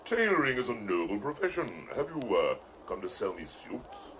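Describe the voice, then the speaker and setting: An actor playing a regal, faintly amused king with measured, formal speech in an audio storybook. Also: medium pitch, very animated, fairly bright tone, a little hiss or hum. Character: courteous, amused, regal king and father of a princess.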